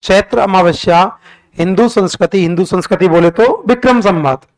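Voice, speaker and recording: A young man teaching a class, firing short questions and repeating them back for the students. His voice sits high and comes through smooth and resonant. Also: darkish tone, poor audio. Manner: brisk, quizzing students with rapid repeated questions. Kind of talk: classroom lecture with call-and-response drilling.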